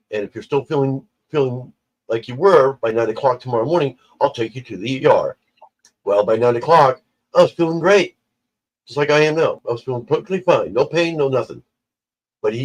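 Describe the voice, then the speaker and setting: Livestream guest, male, husky mid-pitched voice, chatty storyteller who does the voices of people in his anecdotes. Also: low-quality recording. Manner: animated storyteller acting out quoted people.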